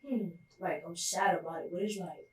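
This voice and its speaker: A woman's voice: lowish voice, normal speed. A young woman co-hosting a podcast, talking in a loose, casual way full of "like" fillers. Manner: loose, filler-heavy, "like" everywhere. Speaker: podcast co-host. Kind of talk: casual chat. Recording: roomy echo, distant mic.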